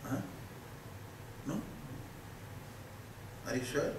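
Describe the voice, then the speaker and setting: An Indian-accented man delivers a philosophical discourse to students in a large, echoey space. He speaks slowly and emphatically, setting out rhetorical questions and short answers. The mic is at a distance, with faint noise behind him.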